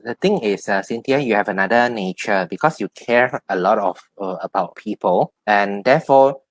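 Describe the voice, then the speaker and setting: A deep-voiced man working as a tarot reader gives spiritual advice in a one-on-one reading. He explains haltingly, circling back over his phrases, and the recording is dry and close with no room sound.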